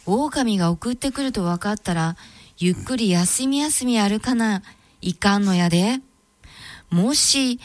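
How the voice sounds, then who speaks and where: A woman narrates an old folk tale in a Tango Kyoto dialect, steady and measured. Her voice sits a little high. The sound is close and dry. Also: no room sound. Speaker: storyteller and co-host.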